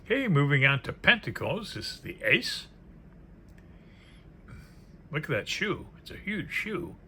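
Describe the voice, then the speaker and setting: A man on the high side reviews a tarot deck, offering unscripted, casual remarks that wander off into quiet murmurs. He keeps a measured pace with big pitch swings and a sharp tone. The recording has faint background noise.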